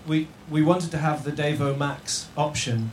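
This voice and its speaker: A man hosting a live show to an audience in a yurt venue, jokey and halting, with many restarts and fillers. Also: a little high. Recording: roomy tent echo, faint noise.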